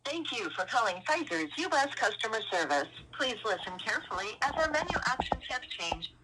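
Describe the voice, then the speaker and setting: Recorded phone menu message, woman with a lively bright voice, polished announcer read. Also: a little high, brisk, slight background noise, low-quality recording. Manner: polished, scripted announcer delivery. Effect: recorded phone menu message played back. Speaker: automated customer service greeting.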